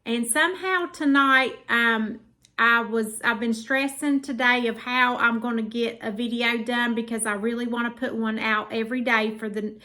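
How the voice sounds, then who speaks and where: A woman's voice: fairly high pitch, fairly even intonation, moderate pace, sharp tone. A woman in her forties chatting casually from her home in a rambling faith vlog full of fillers. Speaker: faith vlogger. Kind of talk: casual devotional vlog talk.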